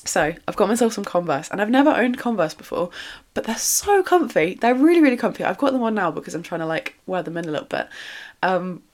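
A woman's voice: mid-range voice, very animated, fast, a little mellow. A woman, chatting casually and upbeat as the host of her own solo podcast, with a lingering cough in her throat. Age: 20s. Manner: chatty, upbeat, lots of fillers and little laughs.

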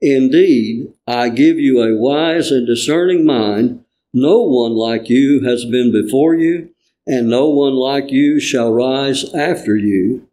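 A man reading scripture in church, formally, with measured and earnest phrasing. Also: medium pitch, warm tone, low-quality recording.

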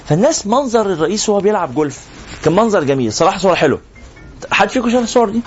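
This high-pitched male voice races along with big swings in pitch as an Egyptian sheikh teaches a live class, peppering the room with rhetorical questions. He speaks Egyptian Arabic in a religious lesson. Faint music plays behind the muffled, lo-fi recording.

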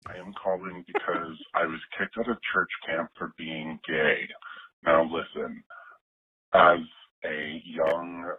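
A man's voice: level tone, takes it slowly, slightly rough. A man from the American South leaving a candid, wry voicemail with his voice disguised by a voice changer. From Southern United States. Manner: candid, wry confessional telling. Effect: deep voice changer disguising the voice. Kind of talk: casual phoned-in story. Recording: phone-like voicemail through a voice changer.

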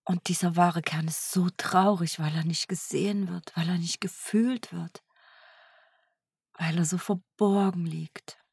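A woman speaking softly in an introspective self-dialogue, searching for words and often sinking into a whisper. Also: on the low side, fairly even intonation, a little slow, vocal fry, slightly rough, dry recording, studio quality. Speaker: energy healer.

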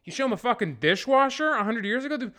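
Ein Mann moderiert allein einen Podcast und schimpft sich fluchend und weitschweifig durch einen komischen Monolog. Seine Stimme ist hell und scharf und springt lebhaft auf und ab. Er redet ausschweifend und gerät schnell in Fahrt. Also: male voice, very high-pitched, quick pace. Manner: profane, rambling, animated. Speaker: podcast host. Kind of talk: solo comedic rant.

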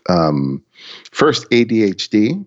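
During a casual podcast conversation, a man with a fairly low voice speaks slowly and deliberately yet very animatedly. His audio sounds dull and lo-fi, as though the top end were missing.

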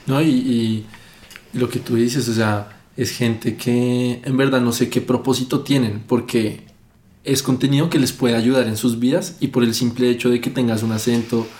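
Very deep-voiced woman host. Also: little pitch movement, moderate pace, warm tone. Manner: brief, supportive interjections and questions. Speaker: podcast host. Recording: echoey room.

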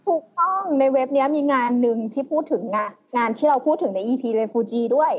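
Woman, podcast co-host, casual slangy chat, halting, dull lo-fi recording. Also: high-pitched. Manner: loose, slangy, halting with many fillers.

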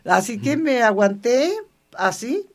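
An older woman, a guest in an interview, telling stories in a lively way, often laughing and acting out quoted dialogue. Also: fairly high pitch, takes it slowly. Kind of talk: casual storytelling interview.

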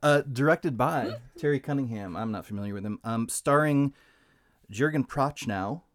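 A man's voice: mid-range voice, normal speed. A man co-hosting a casual movie podcast, rambling with lots of ums and laughing easily. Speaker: podcast co-host presenting the movie. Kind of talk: casual chat.

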